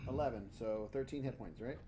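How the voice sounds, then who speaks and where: A man's voice: medium pitch, fairly quick, dark tone. A man speaking as dungeon master, explaining and narrating a tabletop game in an informal, casual way. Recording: faint background noise.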